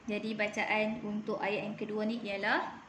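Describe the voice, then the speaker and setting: A Malaysian woman teaching Quran recitation, patiently drilling each word slowly and repeating it for her class. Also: medium pitch, level tone, fairly bright tone, roomy sound, slight background noise. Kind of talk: Quran reading lesson. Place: room at a clinic.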